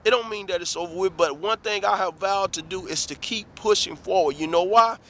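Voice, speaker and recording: Preachy motivational man, bright voice. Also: high voice, a little fast, slight background noise. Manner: preachy, rhetorical questions, repeats "let me tell you something". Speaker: motivational vlogger. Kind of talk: motivational talk to camera.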